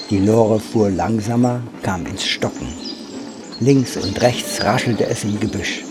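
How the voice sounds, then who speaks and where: A man calmly narrating a children's story in a measured reading voice. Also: on the low side.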